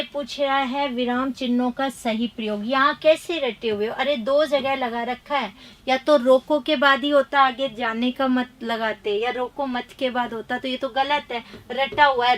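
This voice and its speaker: A woman teaching a live online grammar class, briskly reading quiz questions and options aloud, then giving and explaining the answers with emphatic, chiding remarks. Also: high voice, fairly bright tone.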